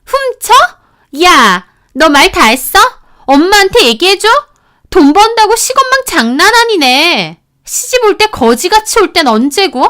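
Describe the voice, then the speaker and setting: A woman's voice: very high voice, sing-song, unhurried, bright, forceful tone, voice pushed up, exaggerated voice. A woman voicing a bratty young sister-in-law who screeches indignantly in a spoken drama story. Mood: shrieking, indignant.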